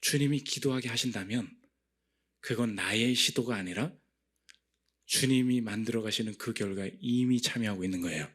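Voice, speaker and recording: Korean man preaching with dramatic swings. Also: moderate pace. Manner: lively preaching, acting out inner voices with big pitch jumps. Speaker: pastor. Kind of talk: sermon. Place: church.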